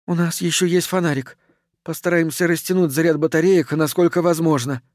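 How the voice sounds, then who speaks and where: A man reading a storybook voices a frightened young woman who speaks through tears in a hushed, shaky way. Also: low-pitched, steady tone, a little fast, no room sound, studio quality, pitched above the performer's own voice. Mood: hushed, grim. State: crying. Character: young woman, terrified, weeping, bitter.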